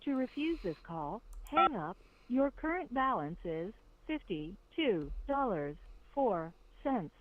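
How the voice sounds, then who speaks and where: A woman's pre-recorded voice plays over a prison phone line, the sound thin and tinny, squeezed into a narrow phone band. Her delivery is formal and measured, the pitch rising and falling widely like a system prompt. It comes through as a played-back message on the call. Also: very animated, background noise. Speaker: automated call announcement.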